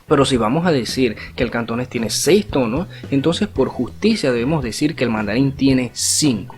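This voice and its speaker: A man's voice: medium pitch, moderate pace, darkish tone. A man teaching an online language lesson in an explanatory way, often checking in with rhetorical tag questions. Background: faint guitar music.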